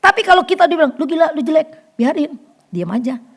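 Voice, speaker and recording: A woman preaching a sermon to a fellowship group in a church hall, animated, acting out quotes and swinging from loud to hushed. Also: sits high, fairly quick. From Indonesia. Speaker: women's fellowship leader.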